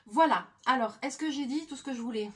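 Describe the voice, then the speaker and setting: A woman in her thirties with a voice hoarse from flu, chatting informally and with slang as she presents a craft tutorial. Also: high voice, a little fast, a bit bright. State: hoarse, croaky from flu, coughing. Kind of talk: casual craft tutorial chat. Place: small attic room indoors.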